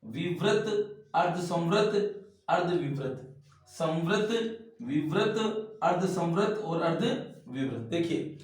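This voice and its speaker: High-voiced male teacher in an echoey room. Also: animated, slow pace, distant mic. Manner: demonstrative, repeats and stretches vowels, instructive. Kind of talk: classroom lesson demonstrating vowel sounds. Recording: very echoey room, voice set back from mic.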